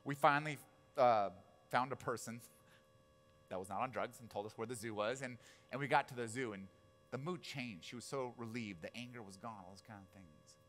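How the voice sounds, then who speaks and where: A man's voice: mid-range voice, brisk, fairly bright tone, a little hiss or hum. Man, forties, pastor, casual sermon, storytelling, frequent asides to the audience. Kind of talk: conversational sermon.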